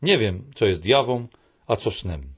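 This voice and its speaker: Male narrator as gentle little troll, hushed, low, husky. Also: lively intonation, measured pace. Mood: wistful. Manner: quiet, soft inward musing. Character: small gentle troll child, dreamy and unsure.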